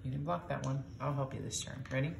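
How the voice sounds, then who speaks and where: Woman, middle-aged, low voice, casual game-play host who explains rules aloud and reacts with quick little exclamations. Roomy home recording. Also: vocal fry, slight background noise. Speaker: host playing a board game with her daughter.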